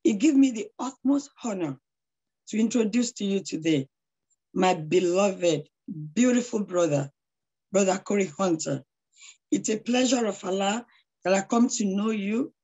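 Introducing a speaker for an online lecture, a devout middle-aged charity founder pours out praise and prays often, speaking over a laptop webcam from a small room at home. Her hoarse, warm, mid-range voice is expressive and measured, and the sound is lo-fi.

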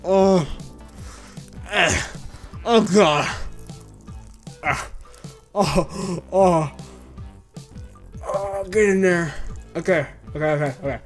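A man's voice: sits high, very slow, pauses often, faint music behind. A young man vlogging with his mouth stuffed full, muffled, slurred and grunting with effort into a desk mic. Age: young adult. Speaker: vlogger doing a food challenge. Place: small indoor room. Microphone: desktop condenser mic, close.

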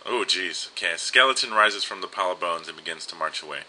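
A man's voice: sits low, animated, fast, heavy background noise. A young man casually commenting on an old adventure game and reading its text aloud. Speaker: let's play host.

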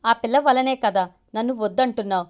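A woman's voice: fairly high pitch, fairly quick, darkish tone, lightly acted. A woman voicing a lovestruck young college woman who pleads affectionately. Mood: pleading.

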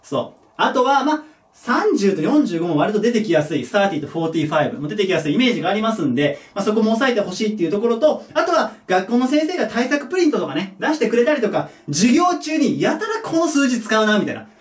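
Lively-voiced male teacher in an echoey room. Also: high voice, quick pace, recorded from a distance. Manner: patient, step-by-step, checks in with "right?"; self-deprecating about his own mistake. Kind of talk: junior high English lesson at a board.

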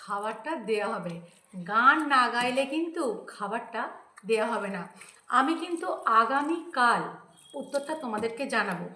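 A woman talks casually to her viewers about the meal and calls them friends. Her voice sits a little high. The recording is echoey, with a faint hiss underneath. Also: animated, normal speed, bright, forceful tone. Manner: chatty, addressing viewers as friends. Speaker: cooking and food vlog host. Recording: echoey room, faint noise.

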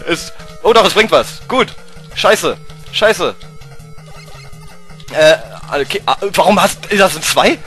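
A man with a German accent giving excitable gameplay commentary, swearing at the game and swinging from low mutters to sudden cries. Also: takes it slowly, pauses often, faint music behind. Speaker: let's play gamer.

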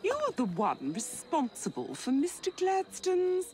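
An actress playing a stately older Victorian queen with an English accent, regal and deliberate. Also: high-pitched, huge pitch swings, a little mellow, soft background music, heavily acted. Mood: imperious.

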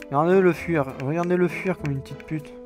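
A man's voice: a little high, normal speed, darkish tone, soft background music. A man with a French accent hosting a let's play, giving casual game commentary full of crude jokes and swearing. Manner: crude, joking, swearing banter.

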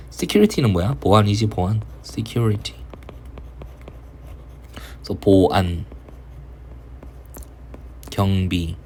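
A man teaching English vocabulary in an online lecture for high school students, with casual joking banter. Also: darkish tone, slight background noise. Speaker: English tutor.

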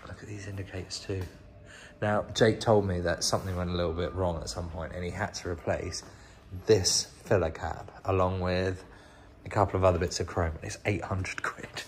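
With a low, steady voice at normal speed, a British man narrates a casual walk-around of a car workshop for his channel about rotten old cars. His commentary is off the cuff, and slight background noise can be heard.

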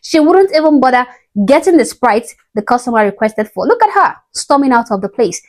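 Speaking briskly in a high, sing-song voice, a young vlogger lectures to camera from indoors in her bedroom. Her commentary is emphatic and preachy, captured on a lapel mic, and she frequently ends points with "okay?"

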